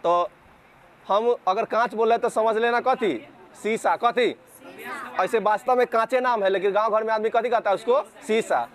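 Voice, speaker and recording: A man's voice: sits high, normal speed, a faint crowd. A male physics teacher with a Bihari accent, lecturing a class and firing repeated questions at the students, sometimes scolding them.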